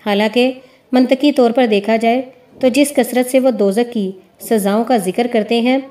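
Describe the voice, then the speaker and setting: A woman narrating a novel in a steady reading voice. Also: fairly high pitch. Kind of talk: storybook narration.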